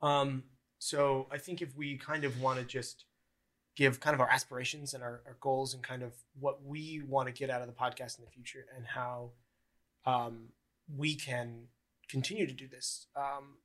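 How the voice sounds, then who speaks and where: A man's voice: mid-range voice, little pitch movement, moderate pace, a bit bright. A man of twenty-one hosting a casual podcast chat, rambling with many fillers and restarts. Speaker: podcast host.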